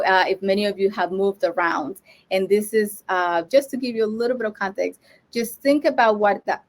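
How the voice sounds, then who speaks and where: A woman from Honduras, a social worker, giving an educational talk to fellow social workers, earnest and thinking aloud with frequent fillers and restarts. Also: medium pitch.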